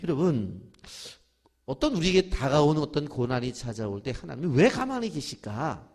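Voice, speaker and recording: A man's voice: a little high, sing-song, normal speed, darkish tone. A middle-aged male pastor preaching a dawn prayer sermon, leading the congregation to repeat after him and acting out quoted voices. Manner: preaching with call-and-response to the congregation; acts out quoted voices of children and parents.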